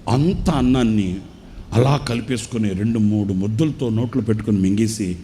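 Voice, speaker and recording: A man's voice: fairly low pitch, normal speed, warm tone, a little hiss or hum. A male pastor preaching a sermon, telling a moving story with rising emotion.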